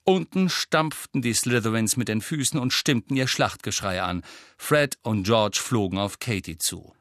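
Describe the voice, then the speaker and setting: A man reading a novel aloud as an audiobook narrator, with expressive storytelling. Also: medium pitch, normal speed, no room sound, studio quality. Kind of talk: scripted narration.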